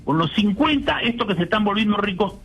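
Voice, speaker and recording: A man's voice: sits high, expressive, fairly quick, a bit bright, slightly rough, low-quality recording. An older man, a retired general, speaking indignantly as a radio guest and firing off rhetorical questions. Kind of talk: phone-in radio interview.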